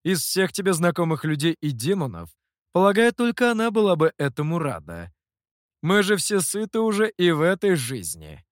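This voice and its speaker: A man reading as a cunning mentor who answers in a dry, measured, wry tone. The pitch sits a little raised, with a lively lilt, and the recording is close and dry. He remains composed even when he is accused. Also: no room sound. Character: calm, dry, cunning male master, older mentor. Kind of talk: audiobook character voice.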